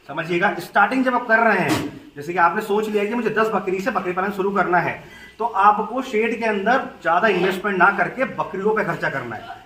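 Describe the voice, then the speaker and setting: Bright high-voiced man teaching goat farming. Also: roomy sound, far from the mic, slight background noise. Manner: earnest, repetitive, advising directly. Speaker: goat farmer giving advice. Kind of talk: instructional talk to camera.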